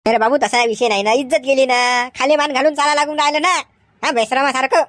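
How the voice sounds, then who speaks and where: A woman acting in a village comedy skit, questioning and calming in a chattering way. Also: high-pitched, quick pace, lightly acted. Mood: lamenting. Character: village woman, then police constable.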